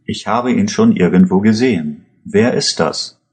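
A worried middle-aged pharmacist, read by a man, speaks in a deep, low register. His questions come slowly and earnestly, weighed down by worry for his son's health. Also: a little mellow, natural voice.

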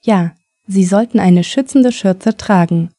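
A woman's voice: mid-range voice, unhurried, dark tone, no room sound, clean studio sound, close to an everyday voice. A woman reading a matter-of-fact male radiologist.

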